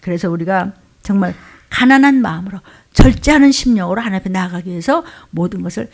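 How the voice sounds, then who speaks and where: Gravelly-voiced woman pastor preaching fervently. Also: animated, quick pace. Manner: fervent, swings between loud outbursts and low muttering. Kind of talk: emotional sermon.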